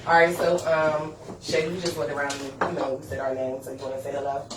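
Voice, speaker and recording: A woman's voice: extremely low pitch, level tone, fast. A woman hosting a podcast in a casual, laughing, chatty way, full of fillers. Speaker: podcast host. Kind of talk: casual chat. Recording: echoey room, distant mic, background noise.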